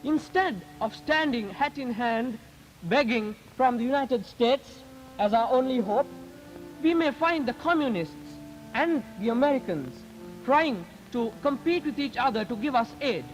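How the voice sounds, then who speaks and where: A teenage male youth delegate from Sri Lanka, with an extremely high, animated voice, delivers an earnest, declamatory formal speech at an unhurried pace at a public speaking event. It's a low-quality 1950s archival recording with faint music in the background.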